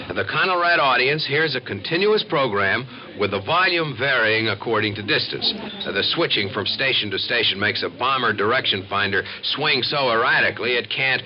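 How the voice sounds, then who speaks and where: Playing a sure-of-himself, earnest civil defense expert in a 1950s radio documentary, an American man narrates and explains with folksy emphasis. His voice is mid-range, expressive and natural, at a normal pace, heard through a dull old radio recording with music.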